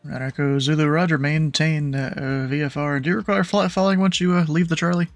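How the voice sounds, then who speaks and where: Creaky, higher-voiced young-sounding male controller. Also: fairly even intonation, fairly quick, faint music behind. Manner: informal, hesitant phrasing. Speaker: air traffic controller in a flight simulation. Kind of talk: air traffic instructions mixed with casual chat.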